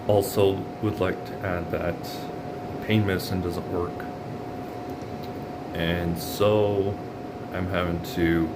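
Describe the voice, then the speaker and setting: A man giving a casual video diary, weary, subdued and halting with long pauses, sounding weak and in pain after surgery. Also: low voice, flat delivery, heavy background noise.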